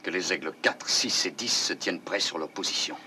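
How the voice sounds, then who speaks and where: Casting: actor as commander of a space colony, deep male voice, firm and curt, clearly noisy television dub recording. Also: brisk, close to an everyday voice. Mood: resolute. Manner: terse, authoritative. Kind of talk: dubbed science fiction television drama.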